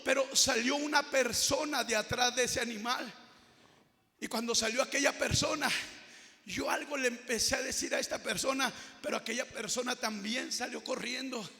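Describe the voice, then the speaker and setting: A male pastor preaching a sermon, moving between shouted, sung-out exhortation and quiet storytelling. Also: extremely high pitch, fairly even intonation, normal speed, creaky, big-room sound.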